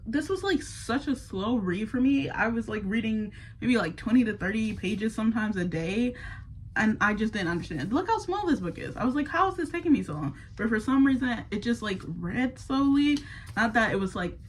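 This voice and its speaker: A woman's voice: a little high, expressive, moderate pace, slight background noise, rough recording. A young woman talking casually about books to the camera, with lots of fillers, sometimes reading passages aloud. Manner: chatty, many fillers, reads passages aloud. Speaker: book vlogger. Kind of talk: casual chat.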